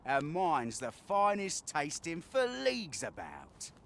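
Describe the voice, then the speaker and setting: An actor playing a shady, coaxing street merchant in a video game, murmuring his sales pitch secretively. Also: wildly swooping pitch, slow, gravelly, no echo, exaggerated voice. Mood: sly, coaxing. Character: shady male street merchant peddling dubious liquor, sly and coaxing. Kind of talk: video game character dialogue.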